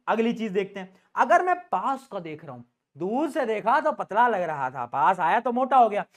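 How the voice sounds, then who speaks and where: Male teacher, energetic exam-prep lecture, joking and teasing, mixes in English. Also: high voice. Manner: playful, teasing, calls students "beta"; mixes English terms into Hindi.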